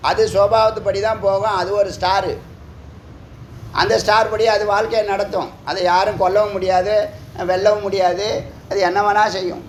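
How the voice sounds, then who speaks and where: A man delivers a spiritual talk, firing rhetorical questions at his listeners and scolding them with a teasing edge. His voice sits fairly high. It rings in an echoey room over a faint hum of background noise. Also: level tone, normal speed. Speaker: spiritual teacher. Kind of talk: Tamil discourse on scripture.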